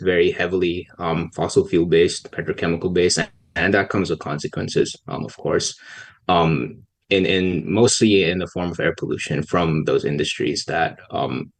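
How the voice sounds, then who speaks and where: This deep-voiced young policy researcher from Pakistan is being interviewed on a casual podcast. He replies quietly and tentatively, pausing often.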